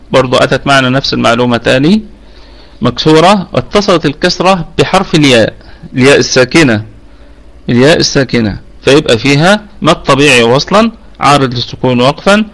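A man's voice: medium pitch, animated, a little fast, long pauses, fairly bright tone. A man with an Egyptian accent, patiently explaining Quran recitation rules in an online lesson, slipping between colloquial and formal speech. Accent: Egyptian Arabic.

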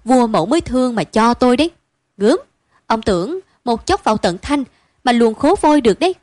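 A woman's voice: fairly high pitch, expressive, moderate pace, no room sound, close to an everyday voice. Woman doing a frantic doting mother. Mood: pleading. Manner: wailing, pleading, loud. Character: fretful doting mother, easily panicked.

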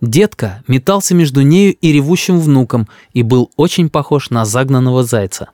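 A man's voice: medium pitch, moderate pace, darkish tone, no echo, clean studio sound. A man reading a humorous first-person story aloud as an audiobook narrator. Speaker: audiobook reader.

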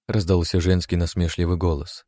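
A man narrating an audiobook with a steady, expressive reading, close to the mic. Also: deep voice, fairly quick, no echo.

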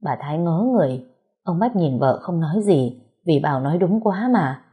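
A woman narrating an audiobook story in a steady, expressive reading voice. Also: low-pitched, normal speed, slightly rough.

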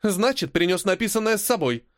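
A man doing a shrill bossy schoolteacher woman. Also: animated, a little fast. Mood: accusing. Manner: strident, accusing, commanding. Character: shrill bossy female math teacher, middle-aged.

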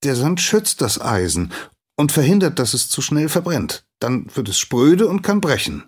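A man's voice: medium pitch, very animated, moderate pace, breathy edge, voice pushed up. A man voicing an eager, clumsy young apprentice smith who answers in a raised, stammering voice in a radio story. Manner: overeager, stammering.

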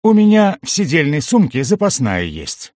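A man's voice: a little high, wildly swooping pitch, normal speed, dry recording, clean studio sound, voice pushed up. Man doing a wailing, grumbling gnome. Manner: loud, lamenting.

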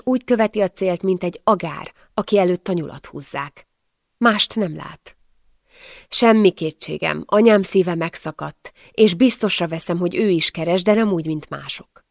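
Gravelly low-voiced woman narrator. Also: dry recording, studio quality. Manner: measured, storytelling. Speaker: audiobook narrator. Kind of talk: first-person audiobook narration.

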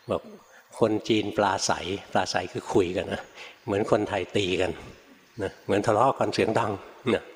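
An older man, a Buddhist monk, giving a relaxed, chatty Dharma talk full of stories and soft particles. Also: lowish voice. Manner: relaxed, conversational teaching with frequent particles and anecdotes. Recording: long hall reverb.

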